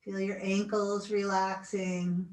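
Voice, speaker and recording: A woman leading a guided relaxation as an instructor, speaking in a soothing, gentle, unhurried way. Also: medium pitch, little pitch movement. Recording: roomy echo, distant mic, video call recording.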